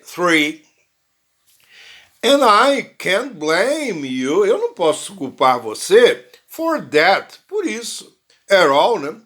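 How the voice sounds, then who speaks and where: A man teaching English pronunciation. His voice sits slightly high and swings widely in pitch. He speaks unhurriedly, repeating words and checking in with his listeners. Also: a bit bright. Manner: reads English lines slowly, then translates and explains in Portuguese; frequent "né?" and "ok?" tags, restarts. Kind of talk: bilingual language lesson.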